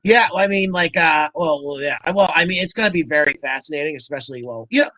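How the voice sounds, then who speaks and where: Bright rambling man, dry mic. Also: a little high, fast talker, no room sound. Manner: rambling, full of fillers and restarts. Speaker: comedy podcast co-host. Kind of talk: casual chat.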